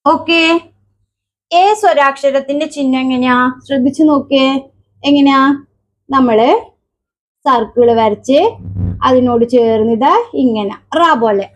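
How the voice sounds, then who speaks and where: In a children's alphabet lesson, a high-voiced woman speaking with a Keralan Malayalam accent keeps posing questions and then answering them. She sounds out the letters slowly, stretching each one.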